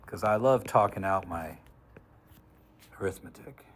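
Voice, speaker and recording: Speaking in a deep voice at a measured pace, with slight background noise, a physics instructor lectures his class. He chats and jokes with the students while working an example, going through the arithmetic one step at a time.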